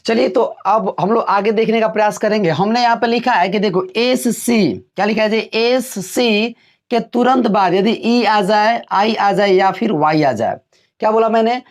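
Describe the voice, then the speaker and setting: A man teaching an English pronunciation lesson, asking the class questions and answering them himself. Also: moderate pace. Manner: drills with repeated questions, answers dropping low.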